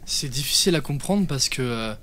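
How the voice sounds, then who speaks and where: A man's voice: mid-range voice, lively intonation, sharp tone, slight background noise. An actor playing a dim-witted, touchy young man who stumbles over his words and turns menacing when mocked, in a live improvised audio drama. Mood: confused. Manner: halting, confused, then menacing outbursts.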